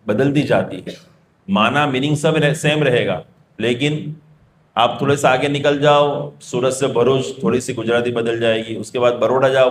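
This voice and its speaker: A man preaches in a storytelling way, explaining points through everyday examples and asking and answering his own questions. His voice sits at a middle pitch. It carries a roomy echo over a faint background hiss. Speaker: religious preacher. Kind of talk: storytelling sermon.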